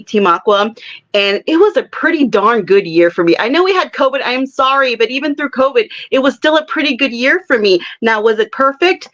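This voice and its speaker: A woman's voice: fairly high pitch, a bit bright, lo-fi sound. A woman talking as a psychic guest in a casual interview, chatty and laughing often as she explains with examples.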